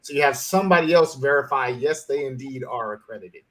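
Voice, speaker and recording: A male attorney guest answers questions on a podcast. He explains things in a steady, methodical way, at a middle pitch. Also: brisk.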